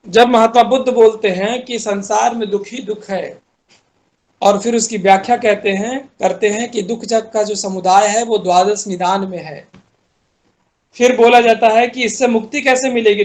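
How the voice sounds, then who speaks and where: High-voiced Indian man lecturing. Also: a little mellow. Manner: explains step by step, asks the class questions. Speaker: university lecturer. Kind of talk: classroom lecture.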